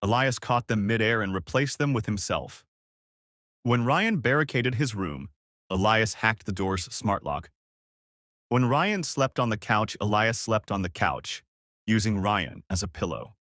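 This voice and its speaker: Low, lively male storyteller voice. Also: measured pace, no room sound, clean studio sound. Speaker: narrator. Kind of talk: storybook audiobook narration.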